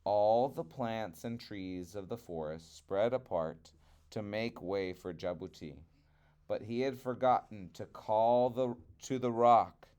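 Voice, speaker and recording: Slow, clear male storyteller reading a trickster tale. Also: fairly low pitch, darkish tone. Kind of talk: expressive children's storybook narration.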